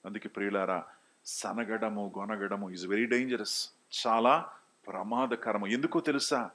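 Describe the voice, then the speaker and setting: A pastor preaches a sermon at a measured pace, often posing questions to the congregation and mixing in English phrases. His delivery swings between loud, high exclamations and low, quiet asides.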